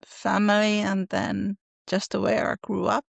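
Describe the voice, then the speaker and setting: A woman from northern Finland, an illustrator and folklorist, speaks with a Finnish accent as a podcast guest over a video call. Her mid-range voice is level, unhurried and creaky, with no echo, as she gives thoughtful, casual interview answers full of fillers and restarts.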